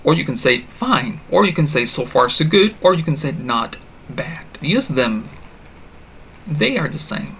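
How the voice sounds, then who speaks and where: A male English teacher giving a beginner lesson online, speaking at an unhurried, deliberate pace. His voice is clear and bright, and he repeats each example phrase so learners can copy it. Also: on the high side, very animated, a little hiss or hum. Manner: stops to correct himself with a quick "sorry".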